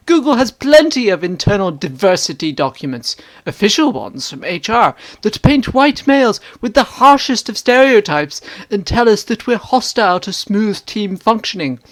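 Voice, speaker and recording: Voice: mid-range voice, very animated, moderate pace, hardly any pauses, voice pushed up, close to an everyday voice. A performer playing a hammy, indignant stage actor, declaiming internet comments in a grandiose, theatrical way. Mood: outraged. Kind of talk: dramatic reading of internet comments.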